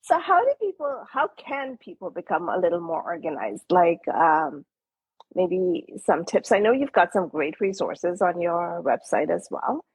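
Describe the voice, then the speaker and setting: Husky-voiced woman hosting a chat. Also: on the low side, wildly swooping pitch, a little slow, no room sound, low-quality recording. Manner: chatty, many fillers and restarts. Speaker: real estate agent and podcast host. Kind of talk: casual interview chat.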